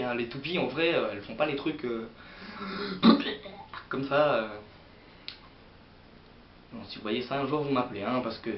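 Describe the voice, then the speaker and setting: A young man chatting casually about manga to his viewers, hesitant and rambling with many fillers. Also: medium pitch. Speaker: manga vlogger. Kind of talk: casual manga chronicle to camera. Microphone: built-in mic of an old computer setup. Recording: roomy, distant, dull lo-fi sound with faint hiss.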